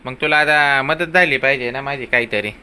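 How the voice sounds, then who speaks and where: A man's voice: mid-range voice, brisk, bright, forceful tone, clean tone. A man with a Marathi accent chatting in a family vlog, playfully teasing and coaxing his family. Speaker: vlog host and father. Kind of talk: casual family vlog chat.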